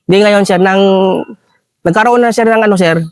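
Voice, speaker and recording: A man recounts his combat story, stopping often to add a respectful sir. His voice sits high for a man. The sound is close and dry, with no room echo. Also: clean tone. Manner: deferential, says sir constantly, halting with fillers. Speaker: retired soldier interviewee. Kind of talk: war story interview.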